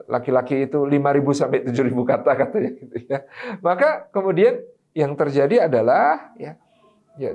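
A man giving a relaxed, humorous religious talk about marriage, chatting with his listeners and acting out bits of dialogue. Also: mid-range voice. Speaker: Islamic preacher. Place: study gathering.

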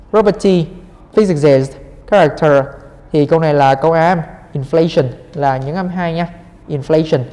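Young guy teacher going over test answers step by step, slightly high but mellow voice, long echo around him. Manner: patient, step-by-step explaining, addressing students as "mấy em". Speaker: English teacher. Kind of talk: exam answer walkthrough.

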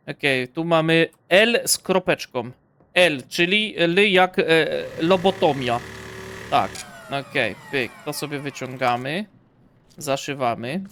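A man's voice: mid-range voice, fairly bright tone, a little hiss or hum. Jokey young man streaming a game. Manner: jokey, talks to the corpse and the game. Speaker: gamer streamer. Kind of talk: playful let's-play commentary.

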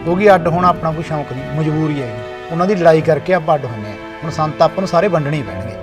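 A man's voice: a little high, animated, very fast, lightly acted. A man acting an elder brother who insistently reasons with his family to settle a household quarrel. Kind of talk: family comedy skit acting. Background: music.

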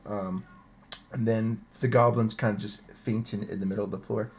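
A man's voice: lowish voice, fairly even intonation, moderate pace, a little mellow. Rambling man running a tabletop game. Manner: loose and rambling, many fillers and self-corrections. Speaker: dungeon master. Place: at home on an online voice call.

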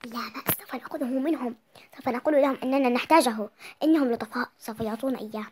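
A young reader voicing a bossy, scheming poor wife who keeps ordering her husband to be quiet. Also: high voice, rapid-fire, a little hiss or hum, close to an everyday voice.

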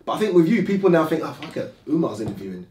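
A man's voice: on the high side, very animated, rapid-fire, a little mellow, a little hiss or hum. A man hosting a casual interview in a small studio room, chatty and swearing now and then. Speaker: interviewer, show host. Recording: roomy sound from a distant mic.

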